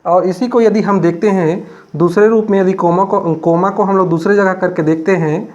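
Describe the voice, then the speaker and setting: Guy teaching biology w a chhattisgarh hindi accent, highish voice, keeps repeating stuff, kinda dull lo-fi sound. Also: steady tone, moderate pace, a little mellow. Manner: repetitive, explains step by step with many fillers. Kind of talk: classroom lecture.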